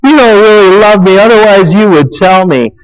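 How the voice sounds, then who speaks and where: A man's voice: high voice, moderate pace, clean tone, voice pushed up, lightly acted, rough recording. A man voicing a whining, manipulative woman who nags and pleads. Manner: pleading, whiny.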